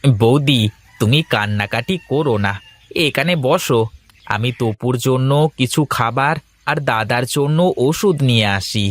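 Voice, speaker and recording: A man's voice: medium pitch, measured pace, fairly bright tone. A man voicing a caring village neighbor who takes charge and reassures others in a cartoon story. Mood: reassuring. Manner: urgent, reassuring. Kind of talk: animated cartoon voice acting.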